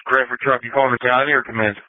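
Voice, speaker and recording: A man's voice: mid-range voice, little pitch movement, racing, no room sound. A man working as a radio dispatcher, confirming calls over a two-way radio. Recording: tinny narrow-band dispatch radio.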